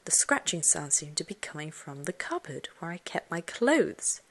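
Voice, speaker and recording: Reading a first-person children's story, this audiobook narrator has a low, husky voice and a moderate pace. Her delivery is highly animated and full of suspense, shifting from expressive emphasis to hushed passages.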